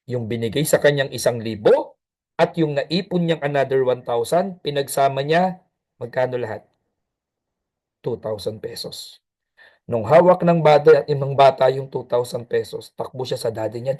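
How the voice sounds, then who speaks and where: A man's voice: mid-range voice, mellow. A man giving an emphatic, preachy motivational business talk, calling the listener brother.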